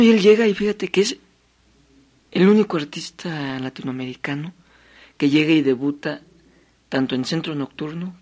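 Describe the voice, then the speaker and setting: A man's voice: a little high, a little mellow. A man, a music historian on a radio program, telling stories in a conversational way with frequent tag questions. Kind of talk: casual radio chat.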